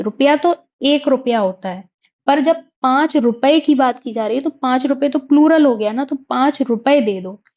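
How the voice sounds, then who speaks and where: An exam prep teacher gives a Hindi grammar lesson, working through sentence corrections, repeating each fix and asking rhetorical questions. She speaks fairly high with words mixed in, and the recording sounds a little dull, lo-fi and mellow.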